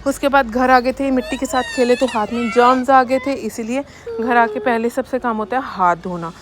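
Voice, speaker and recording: A young woman chatting fast in a family vlog voice-over, talking straight to her viewers. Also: a little high, fairly even intonation. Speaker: family vlogger. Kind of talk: casual voice-over narration of daily life. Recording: voice-over with faint background music.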